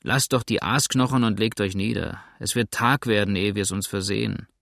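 A man reading aloud and voicing a blunt, gruff frontier sailor in a storybook adventure, speaking in rough outbursts. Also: fairly low pitch, fairly even intonation, moderate pace, fairly bright tone, dry recording, studio quality.

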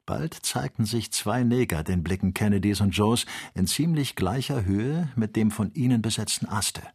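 A male audiobook narrator with a low, husky voice. He reads in an even, measured manner, steady from line to line. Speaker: audiobook reader. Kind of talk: scripted narration.

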